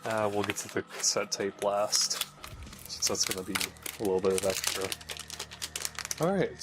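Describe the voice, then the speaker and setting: In a low-quality recording, a man with a fairly low voice hosts a game unboxing video. He gives casual commentary and mutters to himself as he handles things.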